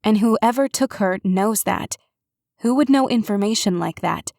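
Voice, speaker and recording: A woman's voice: mid-range voice, a little slow, vocal fry, a little mellow, dry recording. Narrator doing a curious young woman sleuth, eager questions, dry close read. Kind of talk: audiobook character voice.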